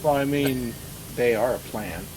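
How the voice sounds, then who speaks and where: A man with a medium-pitched voice in relaxed-format gaming chat among friends. Clear rumbling noise sits behind his voice. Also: unhurried. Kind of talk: casual chat during a gaming session.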